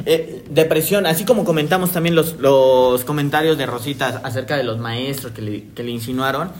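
A man hosting a casual panel talk, speaking in a relaxed, conversational way with casual slang. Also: medium pitch, moderate pace, slight background noise. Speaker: host.

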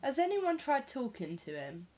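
A woman's voice: sits high, huge pitch swings, normal speed, a little mellow. A young woman chatting casually, adding wry comments and laughter. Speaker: podcast co-host. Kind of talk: casual chat.

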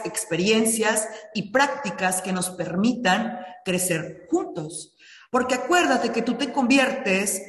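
A middle-aged woman giving an earnest motivational talk that addresses listeners directly. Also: medium pitch. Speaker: speaker on personal finance and habits. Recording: echoey room with long reverb.

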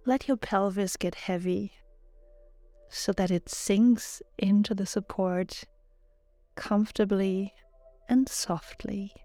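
With music behind her, a yoga nidra guide leads a relaxation meditation in a soothing, steady, measured manner. She has a mid-range voice, and the recording carries no echo.

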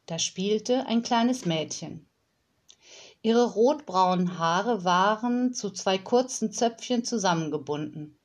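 Calm woman narrator for a children's story, unhurried, even delivery. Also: mid-range voice. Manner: calm, measured. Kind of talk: storybook read-aloud.

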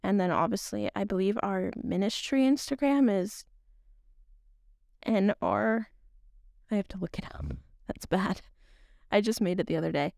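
A woman's voice: medium pitch, normal speed, creaky, long pauses, a little mellow, no room sound, studio quality. A young woman hosting a faith podcast, talking casually and earnestly to women listeners, rambling with frequent little laughs. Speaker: podcast host.

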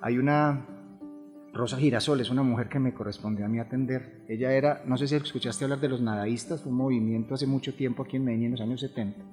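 A man, a grief therapist talking through ideas calmly, answering his own rhetorical questions. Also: mid-range voice, fast talker. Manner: calm, explanatory, rhetorical questions. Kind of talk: reflective podcast conversation. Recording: long hall reverb, faint music behind.

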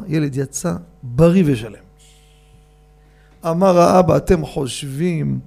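A man giving a rabbi's storytelling sermon, animated and addressing his audience directly. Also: on the high side, gravelly.

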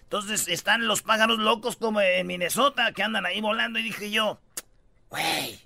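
Man, radio host, gravelly, bright sharp tone, dry studio sound, slangy storyteller. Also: sits high, moderate pace, no room sound. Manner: animated storyteller, slangy, shouts punchlines. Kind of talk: comedic radio countdown.

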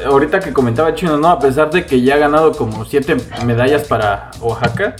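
A Mexican man with a mid-range voice in casual podcast talk. He tells things haltingly, searching for his words, with some music behind him. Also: medium pitch. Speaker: podcast co-host.

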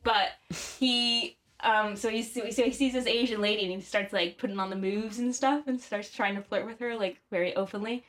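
A woman's voice: fairly even intonation, normal speed, fairly bright tone. A woman co-hosting a casual podcast, telling stories in a rambling way with many fillers. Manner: rambling, many fillers, bursts into high acted quotes. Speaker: podcast co-host. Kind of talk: casual chat, storytelling.

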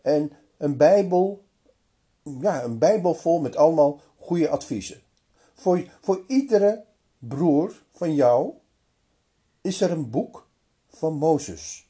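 A man voicing the old patriarch Abraham, kindly welcoming and calmly firm, with slightly raised pitch and a husky tone. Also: slow pace, long pauses, exaggerated voice. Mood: firm, patient. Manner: hospitable, then calm and firm.

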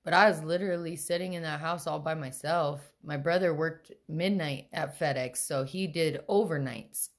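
A young adult woman, a podcast co-host, telling a personal story in casual chat, animated and full of quoted voices. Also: sits low, normal speed, hardly any pauses.

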